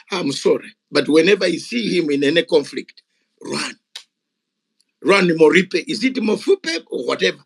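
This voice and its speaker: At a gathering of activists, an older man speaking Ugandan English gives an impassioned, unscripted speech, fiery and emphatic, repeating words for force. His voice sits high with a sharp tone.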